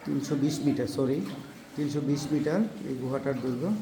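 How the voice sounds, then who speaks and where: A man's voice: mid-range voice, fairly even intonation, fairly quick. A man giving live sightseeing commentary, repeating phrases for emphasis, recorded on a boat inside a cave. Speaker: travel vlogger. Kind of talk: live sightseeing commentary to camera, chatting with companions. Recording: noisy on-location cave recording.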